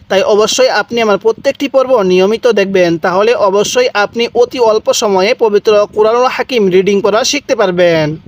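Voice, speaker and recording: A man with a Bangladeshi Bengali accent teaching Quran pronunciation, slowly spelling out and repeating each syllable for learners. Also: high-pitched. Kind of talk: slow step-by-step pronunciation lesson.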